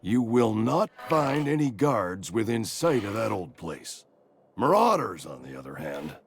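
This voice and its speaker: A man's voice: lowish voice, sing-song, unhurried. An actor playing a fretful, ailing old man in a video game, theatrically doleful and sure he is dying, with old-fashioned turns of phrase. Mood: anxious, pleading. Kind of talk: video game character dialogue.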